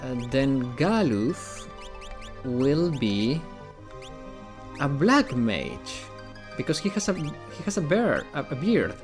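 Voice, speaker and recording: A man's voice: medium pitch, very animated, slow, pauses often, over music. A man streaming video games, chatting casually and thinking aloud, often repeating his phrases. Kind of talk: casual live-stream chat.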